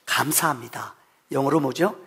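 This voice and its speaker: A middle-aged male pastor giving a Thanksgiving sermon, telling stories with sudden loud and soft swings and acting out quoted voices. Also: medium pitch, normal speed. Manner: acts out quoted voices of his son. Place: church sanctuary. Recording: long hall reverb.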